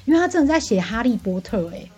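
A woman with a Taiwanese Mandarin accent, co-hosting a podcast, vents about office life by telling anecdotes in a casual, chatty, exasperated way. Her voice is a little high and mellow, very animated and fast, with soft music playing in the background.

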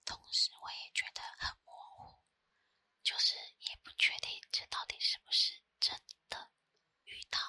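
A woman with a Taiwanese Mandarin accent tells personal stories in a soft, breathy ASMR whisper close to the microphone, unhurried and with pauses. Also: no room sound. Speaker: ASMR creator. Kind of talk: whispered ASMR storytelling, chatty.

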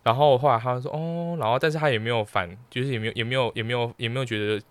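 A man's voice: mid-range voice, very fast, clean tone, no echo. A man with a Taiwanese Mandarin accent telling a personal story as a guest in a casual chat, acting out the voices of the people he quotes.

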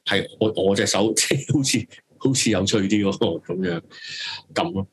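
A talk show host with a Hong Kong Cantonese accent runs a casual live stream, emphatic and opinionated, rambling and circling back over his phrases while swearing freely. His voice is fairly low and a bit bright, at normal speed, with a little hiss or hum in the background.

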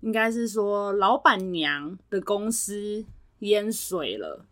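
Co-hosting a podcast, a young woman chats casually about a work incident, bringing it to life by acting out others' quoted lines. She speaks slowly in a mid-range voice.

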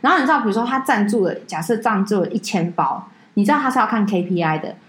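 A woman co-hosting a podcast, telling stories in a casual, animated way and mimicking people in a high voice. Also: quick pace, roomy sound, poor audio. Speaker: podcast co-host. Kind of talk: casual chat.

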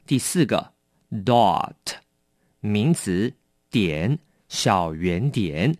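A man with a Taiwanese Mandarin accent teaching English vocabulary, explaining patiently and repeating each word slowly. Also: lowish voice, very animated, darkish tone, no echo, clean studio sound. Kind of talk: vocabulary lesson.

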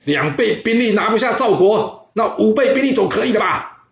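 A man voicing an arrogant, hot-tempered ancient king who shouts and scorns his advisers. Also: mid-range voice, fast, close to an everyday voice. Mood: furious. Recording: roomy, slightly dull audio.

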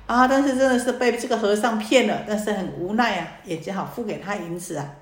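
A woman's voice: mid-range voice, a little fast. Woman teacher telling a sermon story. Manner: lively storyteller with many fillers. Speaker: Buddhist dharma teacher. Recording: roomy echo, faint ambience.

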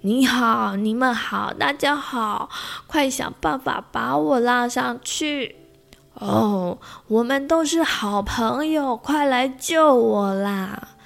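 A woman voicing a loud, mischievous young male bear in a children's storybook, shouting her lines. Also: a little high, lively intonation, extremely slow. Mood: pleading. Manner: shouts his greetings.

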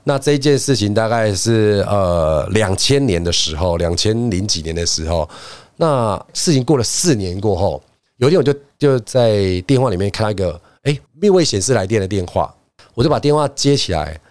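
A man's voice: on the low side, moderate pace, no echo. A man co-hosting a casual podcast chat, telling a story with acted-out quotes and frequent laughter. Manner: animated storyteller, acts out quotes, laughs often. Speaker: podcast co-host.

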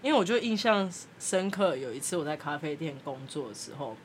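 A woman's voice: low voice, big pitch swings, brisk, slight background noise. A woman podcast host, telling a story in casual chat and acting out the people she quotes, with frequent laughter.

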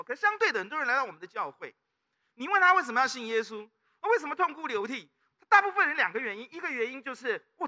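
A middle-aged male pastor with a Taiwanese Mandarin accent, preaching a sermon and often prompting the congregation with questions. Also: very high voice. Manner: animated preaching with call-and-response questions.

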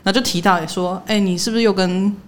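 A woman's voice: mid-range voice, fast talker, slight background noise. A woman, co-hosting a podcast in casual chat and telling stories animatedly. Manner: animated storytelling, laughing, acting out quoted lines. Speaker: podcast co-host.

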